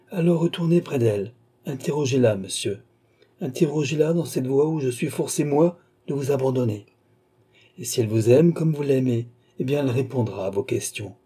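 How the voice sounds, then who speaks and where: A man reading an audiobook, voicing a composed doctor who speaks in a calm, measured and gentle way. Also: medium pitch, husky, natural voice. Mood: grave. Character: grave, composed male doctor.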